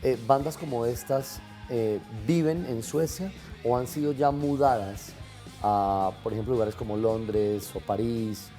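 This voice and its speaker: A man's voice: medium pitch, fairly even intonation, unhurried, dark tone, faint music behind. A man hosting a TV magazine show, leading the talk with friendly questions. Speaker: host. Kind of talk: late-night TV magazine chat.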